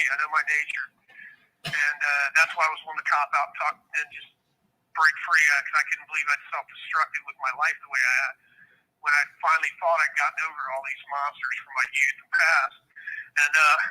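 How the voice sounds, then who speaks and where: A man's voice: on the high side, bright, forceful tone. A man, a prison inmate, talks over a prison phone call in a casual interview, blunt and profane, rambling with lots of fillers. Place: prison cell.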